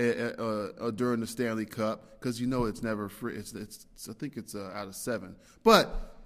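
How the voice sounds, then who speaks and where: Man, podcast host, casual solo talk, rambling, self-deprecating, middle pitch, long echoing reverb. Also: fairly bright tone. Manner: rambling and self-deprecating, with frequent fillers and restarts.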